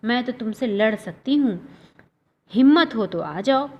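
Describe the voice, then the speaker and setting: A woman's voice: on the high side, expressive, measured pace, muffled recording. A woman voicing a tiny, boastful female fly who mocks and dares a lion in a storybook reading. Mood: cheeky. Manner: mocking, daring tone.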